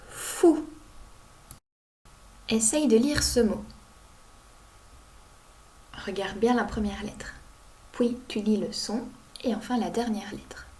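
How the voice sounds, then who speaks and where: A woman teaching young children to read, sounding out each word slowly and clearly. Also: a little high, warm tone. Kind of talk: reading lesson for young children.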